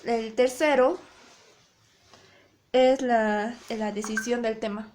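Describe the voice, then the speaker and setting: Young woman, student presenter, slow careful delivery, slightly high voice, hesitant with self-corrections. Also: steady tone, darkish tone, slight background noise. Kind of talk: class presentation on public speaking.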